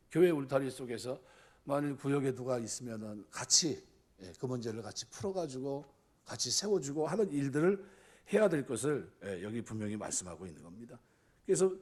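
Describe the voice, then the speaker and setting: Husky male pastor preaching. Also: mid-range voice, darkish tone. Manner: rhetorical questions to the congregation, acts out quoted voices. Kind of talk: sermon.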